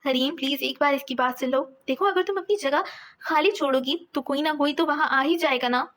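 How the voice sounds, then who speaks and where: A man's voice: extremely high pitch, a little fast, fairly bright tone. A woman voicing a stubborn young brother. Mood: coaxing.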